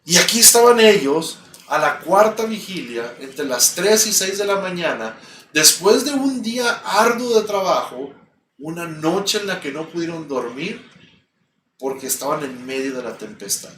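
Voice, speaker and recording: High-voiced Mexican preacher in echoey church. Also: male voice, expressive, unhurried, a bit bright. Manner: emphatic, repeats key phrases. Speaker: pastor. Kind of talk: sermon. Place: church sanctuary. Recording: echoey church, distant mic, faint background hum.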